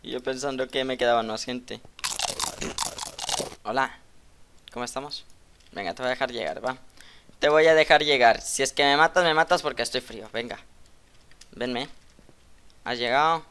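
A young man casually commentating his own Minecraft match, chatty and teasing his opponents, at times bursting into loud, excited talk. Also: medium pitch, normal speed, long pauses, smooth. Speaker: gaming YouTuber.

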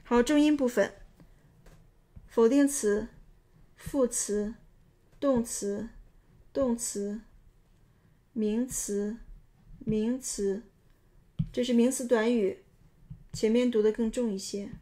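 A woman's voice: a little high, takes it slowly, pauses often, mellow. Methodical woman pronunciation instructor. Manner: methodical, explains step by step. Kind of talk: explanatory lesson narration.

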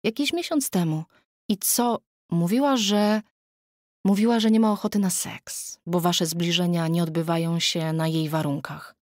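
A woman narrating an audiobook, voicing a frank young woman friend in a quick, blunt, slightly raised voice. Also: lowish voice, darkish tone, no room sound, studio quality, close to an everyday voice.

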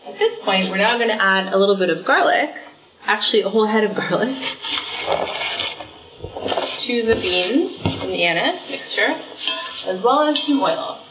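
A woman's voice: medium pitch, animated, normal speed, long pauses. A young woman presenting a casual cooking demonstration in a home kitchen, chatty and explaining each step. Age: young adult. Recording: roomy kitchen sound with faint music.

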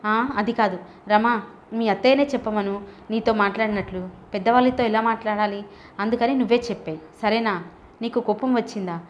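A woman's voice: fairly high pitch, brisk, dull audio, a little hiss or hum, natural voice. A woman voicing a nervous, scheming young man who coaxes and pleads, in a storybook reading. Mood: flustered. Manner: coaxing, flustered.

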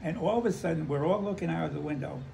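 An American man in his nineties, an old veteran remembering the past in halting, conversational stories, repeating himself and acting out remembered dialogue. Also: on the high side, vocal fry, warm tone. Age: 90s. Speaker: war veteran interviewee. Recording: noisy handheld home recording.

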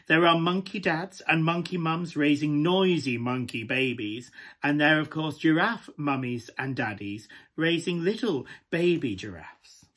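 A man performing a glamorous, camp pantomime dame with a British accent and a husky, breathy voice, coaxing listeners through a children's story. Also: on the high side, a bit bright, full character voice. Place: small room at home, indoors.

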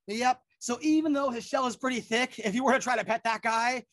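A woman's voice: fairly high pitch, a little fast, no room sound. A middle-aged woman presenting animals outdoors in a yard, talking casually and enthusiastically with surfer-like slang for an educational reptile show.

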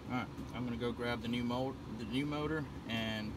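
A man working as an HVAC technician, talking himself through a repair in a relaxed, casual how-to way while he works in an attic. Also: mid-range voice, a little fast. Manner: relaxed, talks himself through each step. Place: attic workspace beside a furnace. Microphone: body-mounted action camera. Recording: distant mic with loud background noise.

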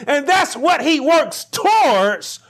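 A pastor with a high-pitched voice preaches slowly and deliberately, letting each phrase land. He climbs to near shouts when he stresses a point. He is recorded on a lapel mic in a small church room. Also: sing-song. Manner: rising to near shouts on emphatic lines, slow deliberate phrasing. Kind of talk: sermon.

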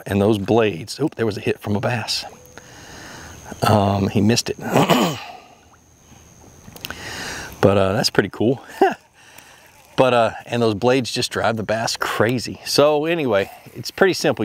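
Male host in his 30s, slightly low voice, rambling how-to talk from a lake boat. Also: a little slow, long pauses. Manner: rambling, with many fillers and restarts. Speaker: fishing video host. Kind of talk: casual how-to narration while fishing.

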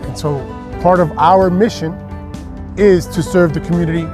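American man, higher-pitched, music behind. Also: fairly even intonation. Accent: American, heard also in his Spanish. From New Jersey, United States. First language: English. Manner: halting American-accented Spanish, switching into English. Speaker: motorcycle club president. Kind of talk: interview answers. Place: outdoors in a parking area.

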